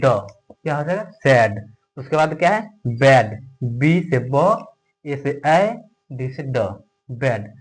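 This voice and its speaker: Male teacher for a beginner lesson who speaks slowly and patiently, with a slightly raised voice. He breaks each word into sounds and keeps checking in with "okay?". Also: a little high, low-quality recording. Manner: explains step by step, asks and answers his own questions, keeps checking in with "okay?". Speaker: English teacher. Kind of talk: classroom lesson.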